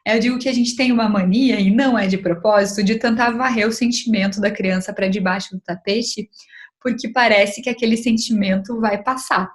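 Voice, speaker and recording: A young adult woman with a Brazilian Portuguese accent, giving an online lecture to mothers as a child psychologist, in a gentle advising tone with frequent tag questions. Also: medium pitch, steady tone, fairly quick.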